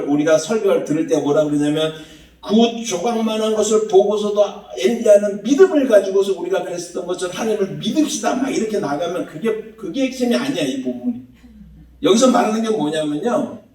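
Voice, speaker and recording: Animated, high-voiced preacher in an echoey church. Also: male voice. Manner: animated, conversational preaching with rhetorical questions. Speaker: pastor. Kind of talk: sermon. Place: church sanctuary. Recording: roomy church hall, mic at a distance.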